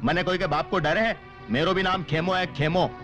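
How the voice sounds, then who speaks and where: An actor voicing a stubborn village man brags in a Rajasthani accent, brash and defiant. His voice sits fairly high, with music in the background. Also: steady tone, normal speed, close to an everyday voice. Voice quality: brash, swaggering.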